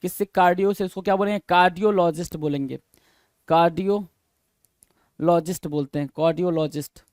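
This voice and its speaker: Male vocabulary tutor, high register, repetitive question-and-answer drilling, dry close mic. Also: steady tone, normal speed, a little mellow, no echo. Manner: mixes Hindi and English, repeats each answer and spells it letter by letter; asks the viewer questions and answers them himself. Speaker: exam vocabulary teacher. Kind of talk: recorded vocabulary lesson.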